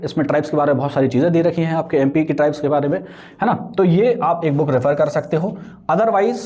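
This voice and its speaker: The recording is lo-fi, carrying a young man's mellow, somewhat high voice. As an exam coaching vlogger, he explains study preparation in a conversational way, blending English words into Hindi and often adding tag questions to check in.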